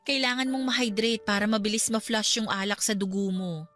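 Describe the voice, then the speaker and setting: Playing a young girlfriend who looks after her man, caring and exasperated, nagging but tender, a Filipino actress speaks fairly quickly in a radio drama. Her medium-pitched voice is a bit bright and lightly acted, over background music.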